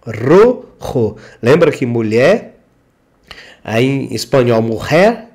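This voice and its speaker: Slow, lively-voiced man teaching. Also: medium pitch. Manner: repeats words slowly for pronunciation drills; checks in with the learner often. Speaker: Spanish language instructor. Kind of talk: online lesson over slides.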